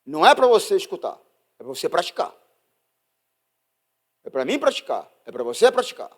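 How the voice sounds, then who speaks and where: Animated Brazilian pastor preaching. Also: male voice, high voice, normal speed. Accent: Brazilian Portuguese. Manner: animated preaching, swinging from loud outbursts to hushed asides. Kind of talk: sermon.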